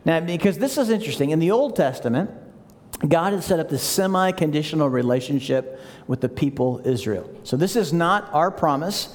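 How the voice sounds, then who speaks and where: A male pastor delivers a sermon in a casual, animated tone, stumbling and restarting as he talks. His voice sits notably high. A long hall reverb hangs behind him. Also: normal speed. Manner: conversational, animated, frequent restarts.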